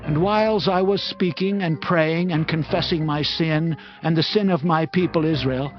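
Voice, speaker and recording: This man's voice sits on the high side and moves at a normal, everyday pace. He plays a devout, humble prophet in a dramatized scripture reading, declaiming earnestly and reverently. The audio is slightly dull, with music running underneath.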